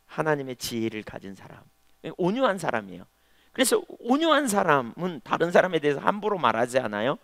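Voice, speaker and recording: A middle-aged man preaching a Sunday sermon as pastor, telling a personal story and sometimes stumbling over words when he speaks quickly. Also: fairly high pitch, very animated, creaky, no echo. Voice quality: stammers when speaking fast. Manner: storytelling, swings between loud emphasis and quiet asides. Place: church sanctuary.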